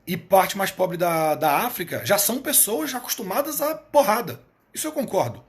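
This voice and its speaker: A middle-aged man with a fairly high voice talks on a live stream in a blunt, emphatic way. He hammers his points by repeating them and drops casual swear words. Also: very animated, moderate pace. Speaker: live stream host, therapist coach.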